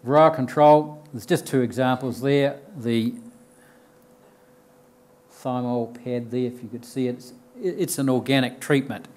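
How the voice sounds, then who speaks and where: A man's voice: medium pitch, steady tone, unhurried, darkish tone. An older man with a New Zealand accent giving a conference talk from a podium, explaining plainly with frequent ums and restarts. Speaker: conference speaker. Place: lecture room with bookshelves and audience. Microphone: podium mic.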